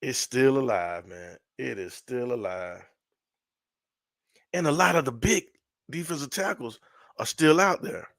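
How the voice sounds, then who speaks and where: Excitable man rambling live sports talk. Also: medium pitch, measured pace, gravelly, pauses often, no room sound, clean studio sound. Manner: excitable, repeats himself, trails off mid-sentence. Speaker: sports show host. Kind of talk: casual live-stream commentary.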